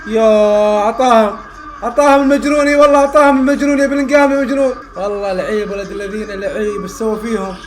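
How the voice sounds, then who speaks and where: A young man reacting live to a football match, exclaiming and repeating phrases, shouting at goals. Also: very high voice, rapid-fire. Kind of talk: excited live reaction commentary.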